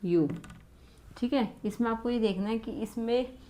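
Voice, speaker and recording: A woman teaching an exam-prep English grammar lesson, constantly asking her students rhetorical questions and reading example sentences very slowly. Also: fairly high pitch, dark tone.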